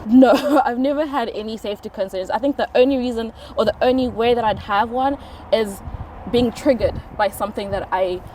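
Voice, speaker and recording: A woman's voice: fairly high pitch, fairly quick, warm tone. A woman introduces herself and talks about feeling safe, in an easygoing way. She sounds slightly distant from the mic over light noise. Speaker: interviewee and YouTuber. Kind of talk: casual interview answers.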